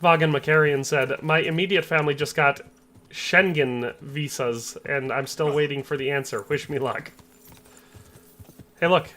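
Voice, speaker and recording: A young man from the Upper Midwest chats casually on a game livestream and reads viewer messages aloud. He laughs easily as he goes. His voice sits a bit high and rings bright. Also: fairly even intonation, normal speed. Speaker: game streamer.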